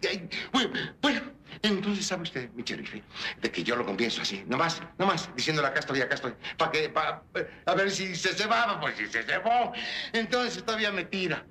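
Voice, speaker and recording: A cheeky Mexican joker from an old film comedy, talking high and bright. He rambles on and on, mixing in broken English words. The voice sits high for a man and rings with a sharp, bright edge. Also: big pitch swings, normal speed, slight background noise, exaggerated voice. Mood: rambling. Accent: Mexican Spanish. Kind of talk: 1960s film comedy acting.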